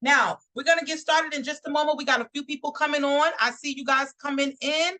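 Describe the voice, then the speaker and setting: Bright, upbeat woman hosting a live show. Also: high-pitched, fairly even intonation, a little fast, low-quality recording. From New York. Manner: upbeat and chatty, addresses viewers directly. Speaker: host. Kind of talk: live-stream talk show host.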